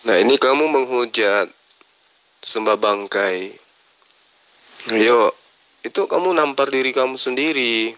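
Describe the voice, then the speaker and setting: A man's voice: medium pitch, takes it slowly, pauses often, fairly bright tone, dry recording, highs cut off. A preacher man in a heated online religious debate, sarcastically pressing his opponent with challenging questions.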